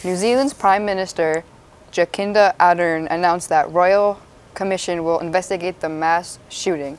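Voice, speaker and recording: A young woman with a slightly low voice anchors a student mock newscast. She reads from a script in news-anchor style. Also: moderate pace, clean tone.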